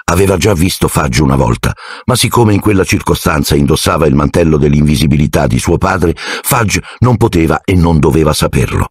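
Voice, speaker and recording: Deep husky male audiobook narrator. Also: brisk, few pauses, dry recording, studio quality. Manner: expressive storytelling.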